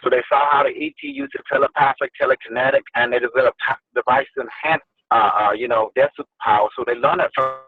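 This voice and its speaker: A man explaining insistently, his voice jumping up high on key words. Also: very animated, quick pace, slightly rough, no room sound. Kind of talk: casual explanatory talk. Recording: tinny phone line.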